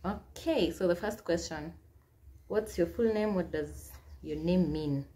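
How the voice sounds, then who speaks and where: A mellow, lowish female voice, a little slow, belongs to a Kenyan-accented YouTuber in her twenties. For her casual Q&A vlog, she reads get-to-know-me questions aloud and answers each one chattily, weaving in bits of Swahili. The setting is a small indoor room, where she sits at a plain wall.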